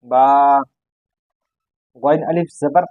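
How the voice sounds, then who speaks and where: A man's voice: fairly high pitch, fairly even intonation, very slow, no echo, phone-quality sound. A man teaching Quran reading, spelling out letters one by one and repeating each syllable for learners. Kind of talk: step-by-step recitation lesson.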